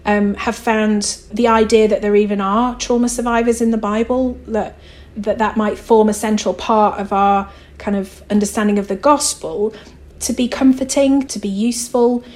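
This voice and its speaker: A woman's voice: mid-range voice, steady tone, moderate pace, darkish tone. A woman author and theologian answering interview questions in a reflective way, thinking aloud as she goes.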